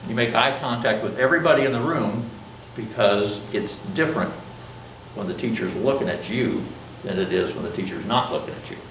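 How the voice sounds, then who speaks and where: A man's voice: lowish voice, a little fast, a bit bright, a little hiss or hum. Roomy, distant recording of a masked older man lecturing a class. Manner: chatty, asks the class questions, self-joking. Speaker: college instructor. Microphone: masked, speaking in a classroom.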